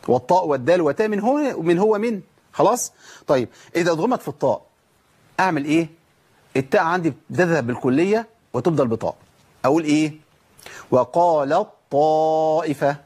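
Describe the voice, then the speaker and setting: A man's voice: fairly high pitch, breathy edge. A man with an Egyptian accent teaching the rules of Quran recitation. He asks questions and answers them himself, and repeats sounds to demonstrate them.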